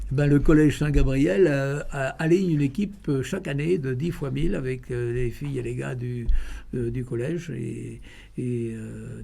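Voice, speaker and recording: A man giving informal interview answers, telling stories in a halting way with repeated words. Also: mid-range voice, vocal fry, dark tone, breathy edge. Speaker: president of a running club, interviewee.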